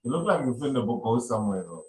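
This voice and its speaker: Very animated and fast, this podcast host speaks in a mid-range voice during a casual conversation. He rambles, circles back over the same phrases, and drops "you know" constantly.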